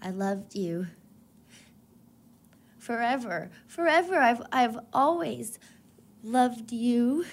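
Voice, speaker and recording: A woman voicing a young woman performer who gives a halting, melodramatic monologue about a lost pet. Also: on the high side, expressive, heavily acted. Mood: mournful.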